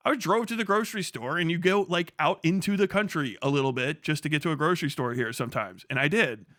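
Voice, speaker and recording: A man with a fairly high voice talks fast in a dry, clean studio recording. Streaming live, he chats casually, swearing constantly, getting excitable and bursting into laughter a lot.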